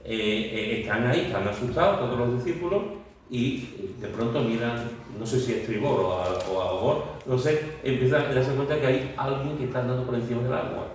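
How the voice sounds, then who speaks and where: A man leads a Bible study in a church meeting room, speaking fairly quickly at medium pitch. He tells the story vividly, acting out scenes with shouts and sound words, full of fillers and restarts. The room is very echoey and the mic is far off.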